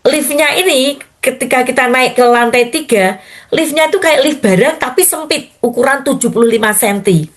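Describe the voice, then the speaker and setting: A woman's voice: high-pitched, moderate pace. An older woman pastor, telling a personal testimony in a morning prayer sermon and often addressing her listeners directly. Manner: storytelling, addressing listeners as Bapak Ibu.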